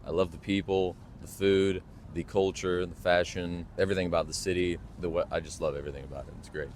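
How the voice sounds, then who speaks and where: A man's voice: deep voice, little pitch movement, fast talker, darkish tone, a little hiss or hum. A man, answering street interview questions outdoors in an effusive, enthusiastic way. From United States. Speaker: tourist interviewee.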